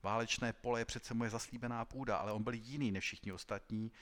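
A man voicing an ancient, grim male spirit of death who hungers for young lives, speaking low and quiet. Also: fairly even intonation, close to an everyday voice. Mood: bitter.

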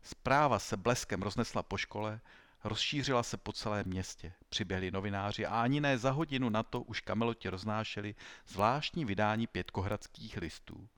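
A man narrating an audiobook story in a wry, even storytelling manner. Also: fairly low pitch, no room sound. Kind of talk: audiobook reading.

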